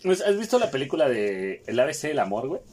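A man's voice: medium pitch, very animated, fast, a little mellow, husky. A man with a Mexican accent co-hosting a podcast, talking in crude slang-heavy banter with stumbling restarts. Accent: Mexican Spanish. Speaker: podcast co-host. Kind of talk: casual chat.

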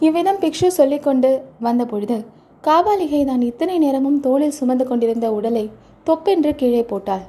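A woman's voice: sits high, animated, fairly quick, mellow. A woman narrating a historical novel as an audiobook, dramatic and storytelling, with rhetorical questions.

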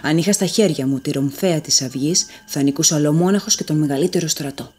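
A woman voicing a proud, hot-headed young prince who speaks curtly and with scorn, in a low voice. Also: a little mellow, slightly rough. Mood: defiant. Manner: curt and scornful.

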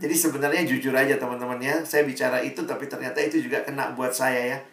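A man's voice: mid-range voice, steady tone, fast talker, vocal fry, a bit bright. A man giving a casual sermon, telling stories animatedly and acting out the voices of the people he quotes. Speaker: preacher. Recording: roomy sound from a distant mic.

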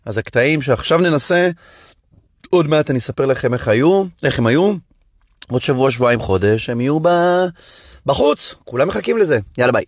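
A man's voice: medium pitch, no room sound. Rambling man with a dry voice. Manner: rambling, animated, many restarts. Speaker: stand-up comedian podcast host. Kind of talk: casual monologue.

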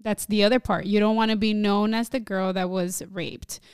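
A woman's voice: medium pitch, fairly even intonation, moderate pace, clear, resonant tone, no echo, studio quality. A woman from New Jersey speaking earnestly as a guest in a casual podcast discussion, often chiming in with short agreements. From New Jersey, United States.

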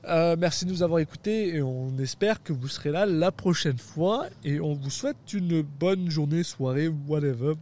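A man with a fairly high voice chats loosely as a podcast co-host, tipsy and rambling. He laughs often and restarts his sentences. He is recorded outdoors on a balcony. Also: normal speed, hardly any pauses, darkish tone. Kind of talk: casual chat.

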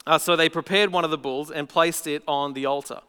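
Man, pastor, sermon, smooth resonant voice, highish pitch. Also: brisk, big-room sound. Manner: animated storytelling with playful asides. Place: church auditorium.

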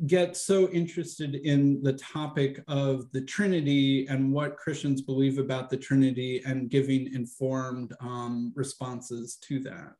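A man's voice: medium pitch, vocal fry, a little mellow. A man hosting a YouTube interview over a video call, asking casual questions with many fillers. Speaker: YouTube channel host. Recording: roomy echo.

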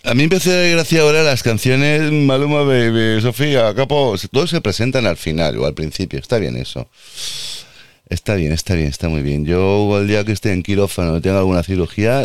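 A man's voice: lowish voice, lively intonation, fairly quick, no room sound, clean studio sound. A man hosting casual commentary on music videos, joking and rambling in asides. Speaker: host reacting to music videos.

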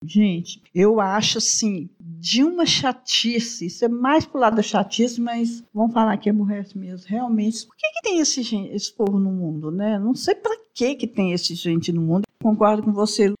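A woman with a Brazilian Portuguese accent hosting a casual solo podcast, chatty and expressive, talking straight to her listeners. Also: medium pitch, moderate pace, hardly any pauses. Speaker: podcast host.

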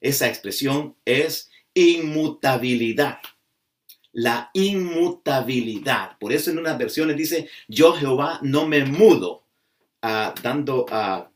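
Slow, emphatic preacher man, far from the mic. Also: medium pitch. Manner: slow, emphatic preaching, stretching key words. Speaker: pastor. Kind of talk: sermon. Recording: voice from a distance off the mic.

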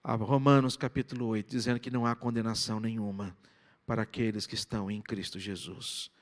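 A Brazilian man preaching a sermon, telling a personal story that swings between loud excitement and hushed, low passages. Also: fairly quick. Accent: Brazilian Portuguese. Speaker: pastor.

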